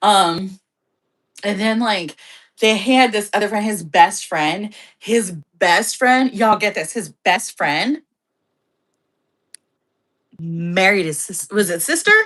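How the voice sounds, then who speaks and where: A woman's voice: medium pitch, animated, takes it slowly, long pauses, a bit bright. A woman hosting a casual live stream, gossiping in a chatty, rambling way with plenty of swearing. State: hiccups. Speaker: streamer host.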